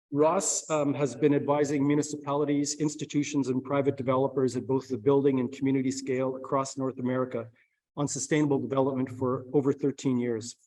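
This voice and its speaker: A man's voice: mid-range voice, darkish tone, low-quality recording. A man moderating a conference session and introducing the speaker, hesitant at first with many fillers, then reading steadily. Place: conference room.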